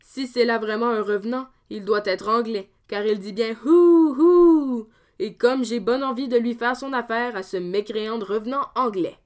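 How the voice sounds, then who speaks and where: A brawny, skeptical farmer with a hot temper, as a woman puts him on, blustering and shouting at a high pitch. His voice rises sharply and gets loud as he threatens. It suits a storybook read aloud. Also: moderate pace, hardly any pauses, close to an everyday voice. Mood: astonished, scoffing.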